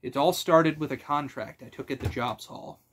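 A man voicing a brash young adventurer in an audiobook reading, with a wry, animated delivery. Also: medium pitch, normal speed, a little hiss or hum, natural voice. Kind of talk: audiobook character voice.

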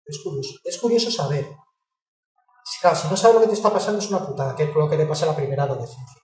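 A woman, talking in a casual interview. She speaks frankly, swears and gets animated when she tells stories. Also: sits low, racing. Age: 50s. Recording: roomy, distant mic with music behind.

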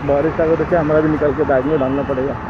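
A young man vlogging outdoors beside a highway petrol pump, chatty and blunt, swearing when annoyed. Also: flat delivery, quick pace. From Mumbai. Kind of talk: casual vlog narration and roadside argument. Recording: muffled outdoor recording with traffic noise.

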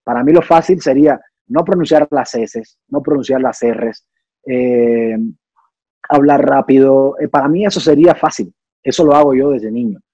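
A young man from Cuba speaks in a casual interview. His voice is dark and husky, and he explains his ideas thoughtfully, with many restarts. The sound is dry and a little dull. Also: medium pitch, moderate pace, no room sound. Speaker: actor and singer, interview guest.

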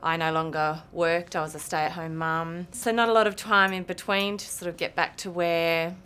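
A woman's voice: fairly low pitch, little pitch movement, moderate pace, a bit bright, a little hiss or hum. A woman with an Australian accent, a married mum speaking in an interview, thoughtful and a little hesitant. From Sydney, Australia. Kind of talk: interview testimony.

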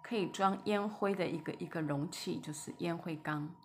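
A woman teaching English vocabulary, spelling out letters and repeating each word slowly, with soft whispered asides. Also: on the low side, a little hiss or hum. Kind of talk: phonics lesson.

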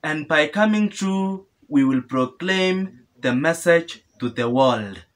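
Speaking slowly and animatedly in a slightly high voice, a young preacher delivers a heartfelt sermon to camera from a small room with a sofa. He poses questions, answers them himself, and keeps repeating and restarting phrases.

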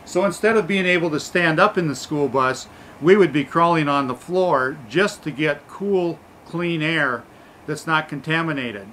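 A man who trains school transportation staff, explaining evacuation steps in a measured, instructive way outdoors. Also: fairly high pitch, fairly bright tone, a little hiss or hum, rough recording. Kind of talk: explanatory talk at a training demo. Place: outdoors beside a school bus.

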